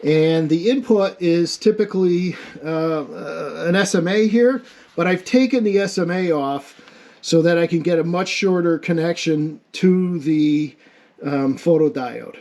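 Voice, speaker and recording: An amateur radio experimenter demonstrates his homemade setup, giving an informal hands-on technical explanation. His voice is a little high and mellow, his pace measured, and he thinks aloud in a casual, self-deprecating way.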